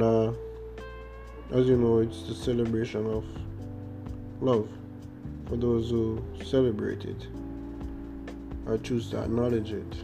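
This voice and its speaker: A young Jamaican podcast host with a Jamaican accent tells a rambling, hesitant story in a casual monologue, full of fillers and restarts. His voice is mid-range and gravelly, with guitar music playing behind him.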